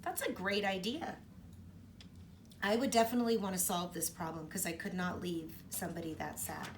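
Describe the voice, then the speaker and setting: Her voice fairly low and her speed normal, a woman teacher gives an expressive storybook read-aloud for kids, often stopping to question them. The mic is distant, and a little hiss or hum can be heard.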